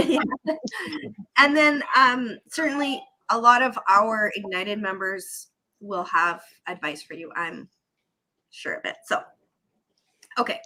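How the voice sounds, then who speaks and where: Hosting a live real-estate investing stream on a video call, this bright-voiced woman sits at medium pitch and talks slowly with long pauses. Her manner is upbeat and chatty, she repeats herself, and she's working around an irritated throat and a candy in her mouth.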